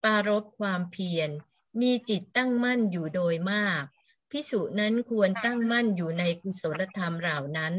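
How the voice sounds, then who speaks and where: A woman reading a scripture translation aloud for a monk's class, in a steady, measured way. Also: mid-range voice, no echo, lo-fi sound. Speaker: student reader.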